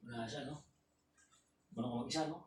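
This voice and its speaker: A Filipino man coaching a patient through exercises, counting reps aloud and shouting cheers. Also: mid-range voice, fast. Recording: roomy, distant, faint room noise.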